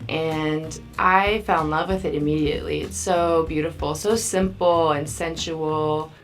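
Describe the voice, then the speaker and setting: A woman's voice: deep voice, steady tone, measured pace, soft background music. A woman photographer chatting enthusiastically in an interview confessional.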